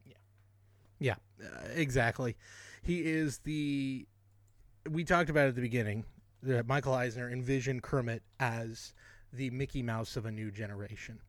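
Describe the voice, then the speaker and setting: A man's voice: mid-range voice, moderate pace, no room sound. Chatty man co-hosting a podcast. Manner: rambling, self-correcting, laughs often. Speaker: podcast co-host. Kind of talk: casual podcast chat.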